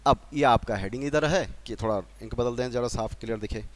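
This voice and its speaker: A man's voice: medium pitch, a little fast, slight background noise. A man from Uttarakhand teaching a spelling lesson at a board in a patient manner, repeating key points and putting questions to the class. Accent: Uttarakhand Hindi.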